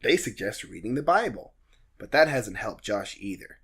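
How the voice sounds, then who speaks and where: Dry, husky-voiced man recapping a show. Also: lowish voice, very animated, normal speed, fairly bright tone. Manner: dry, sardonic, summarizing plot with jokes. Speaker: podcast co-host. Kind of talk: casual comedic recap chat.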